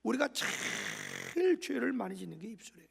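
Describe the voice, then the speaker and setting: A man's voice: very high voice, big pitch swings, normal speed, creaky, a bit bright, slightly rough. A man preaching a sermon at a dawn church service, chatty and colloquial, often asking the congregation questions and leading them in reading scripture aloud. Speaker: pastor. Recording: long church reverb.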